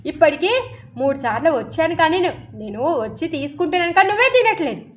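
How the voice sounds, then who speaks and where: A woman voicing a divine young boy who patiently and lightly chides a priest in a soft tone. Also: very high-pitched, sing-song, a little fast. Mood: gentle reproach.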